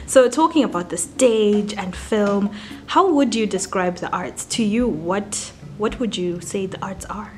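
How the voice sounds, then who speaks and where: A woman hosting a casual video interview, asking drawn-out questions and laughing often. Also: medium pitch, darkish tone, faint music behind. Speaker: interview host.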